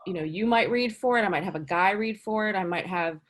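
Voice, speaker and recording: A woman talking as a casting director in a casual interview, chatty and animated, full of "you know" and "like". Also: fairly quick. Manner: lively, swings up in pitch for emphasis.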